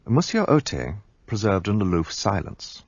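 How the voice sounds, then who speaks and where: A man narrating in the first person in a radio play, calm and reflective. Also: on the low side, normal speed, husky, no echo, dull audio.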